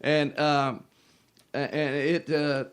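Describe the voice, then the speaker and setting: Easygoing male co-host, slightly high voice, hesitant delivery. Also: flat delivery, takes it slowly, clean tone. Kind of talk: casual chat.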